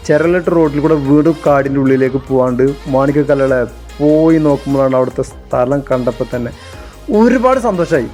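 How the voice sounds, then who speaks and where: A man's voice: a little high, mellow. A man with a northern Kerala Malabar accent narrates a casual travel vlog enthusiastically, mixing English words into his Malayalam. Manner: enthusiastic, repeats a catchphrase. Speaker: travel vlogger. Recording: music under the voice.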